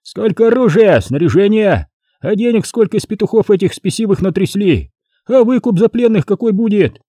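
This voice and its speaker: A man's voice: sits high, normal speed, no room sound, clean studio sound, voice pushed up. A man voicing an eager, talkative monk. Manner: lively, eager. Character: excitable talkative male monk.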